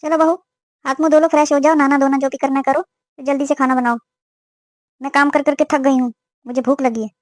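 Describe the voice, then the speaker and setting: A woman's voice: high voice, level tone, fairly quick, long pauses, no room sound, close to an everyday voice. A woman voicing a suspicious, scolding middle-aged mother-in-law in a cartoon. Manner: scolding, complaining. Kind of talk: cartoon voice acting.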